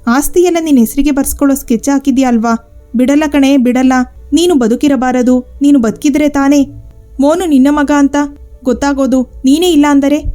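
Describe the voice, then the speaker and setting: A woman's voice: high voice, fairly even intonation, brisk, warm tone, soft background music, lightly acted. A woman storyteller voicing a bitter, taunting young sister-in-law in a spoken storybook. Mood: furious.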